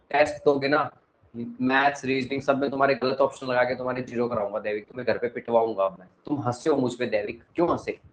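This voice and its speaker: A young man with a north Indian Hindi accent teaching an online class, teasing and scolding his students between explanations, swinging between loud and soft. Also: mid-range voice, slight background noise, rough recording. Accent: Hindi-speaking north Indian.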